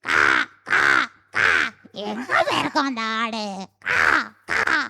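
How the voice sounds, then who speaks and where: A woman's voice: high-pitched, very animated, slow, creaky, noisy background, exaggerated voice. A woman voicing a kind crow in a puppet show who caws and offers help. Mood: helpful. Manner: plaintive then eager, cawing. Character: kind, helpful crow, gloomy about having two legs.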